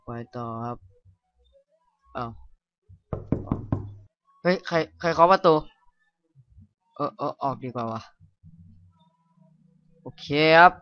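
A man's voice: mid-range voice, takes it slowly, pauses often, dry recording. A man playing a horror game, talking casually, swearing and yelping when startled. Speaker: gamer. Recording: dull lo-fi mic with game music. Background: game music.

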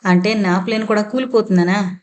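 A woman's voice: mid-range voice, brisk, a little mellow, lightly acted. A woman voicing a tipsy, gloating man who mutters to himself and answers the phone tersely. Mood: muttering. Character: tipsy, gloating man alone in his flat.

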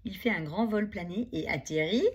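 A woman reading a children's picture book aloud as an expressive storyteller. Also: medium pitch, normal speed, slightly rough.

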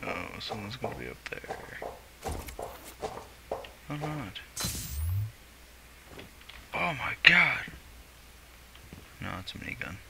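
A man's voice: lowish voice, wildly swooping pitch, moderate pace, vocal fry, long pauses. A young man doing let's play commentary, tired and mumbling sarcastic remarks to himself. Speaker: gamer. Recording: noisy home mic recording.

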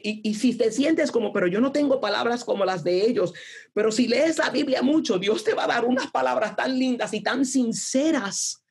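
A woman's voice: a little high, a little mellow, husky. A woman giving an earnest, conversational devotional talk, acting out prayers with many restarts.

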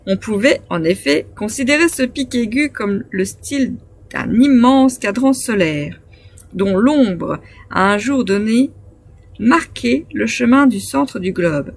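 Woman audiobook reader, mid-pitched, steady measured phrasing for a classic novel. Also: slightly rough. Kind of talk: reading a classic novel aloud.

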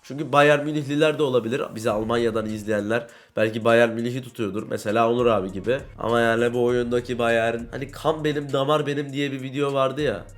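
A young man giving excitable Let's Play commentary, yelling and cursing at his teammates. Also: mid-range voice, fast, hardly any pauses. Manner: excitable, yells and curses at teammates. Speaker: gaming YouTuber.

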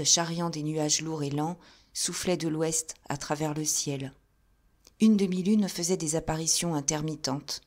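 A woman narrating an audiobook in a steady, measured reading. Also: low voice. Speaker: audiobook reader. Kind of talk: scripted narration.

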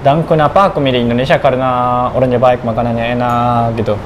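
A young Japanese man speaking with a Japanese accent in a casual interview, pausing often to search for words. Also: medium pitch, crowd noise, poor audio. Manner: halting, searching for words, frequent fillers. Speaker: guest.

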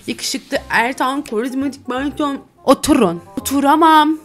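A woman's voice: on the high side, lively intonation, unhurried, faint music behind. A woman streamer giving casual, teasing commentary over a role-play game, often breaking into giggles. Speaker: gaming streamer.

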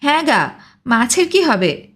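A woman's voice: sits high, sing-song, measured pace, a bit bright, husky, heavily acted. A woman voicing a weary, resentful young village wife who answers curtly in a storybook reading.

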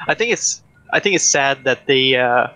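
A man's voice: mid-range voice, moderate pace, rough recording. A man playing a tank game with a friend on stream, talking in a hesitant, casual way with many fillers. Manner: hesitant, lots of ums and restarts, flat delivery. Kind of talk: casual gaming chat.

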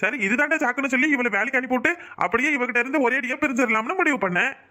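A man's voice: very high voice, rapid-fire, pushed and bright, exaggerated voice. A man doing a brusque young husband. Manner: brusque and scolding. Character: gruff young village husband. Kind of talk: cartoon voice acting.

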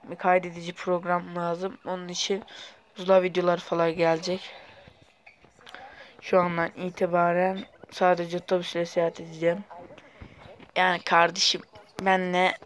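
A man's voice: high voice, monotone, moderate pace, long pauses, fairly bright tone, a little hiss or hum. A young man giving casual, rambling gameplay commentary while sleepy, with sudden startled outbursts. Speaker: gaming YouTuber.

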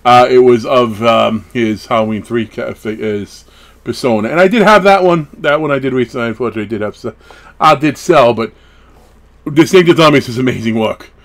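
In a small wood-panelled room at home, a man in his thirties talks fairly quickly at a medium pitch while unboxing horror collectibles for his vlog. The chat is casual and meandering, full of self-interrupting asides.

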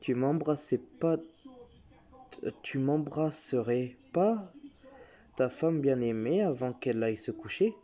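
A man's voice: mid-range voice, slow pace, pauses often, dark tone, lightly acted. A man voicing a bossy, sarcastic middle-aged wife who scolds her husband, on a dull lo-fi recording. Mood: scolding.

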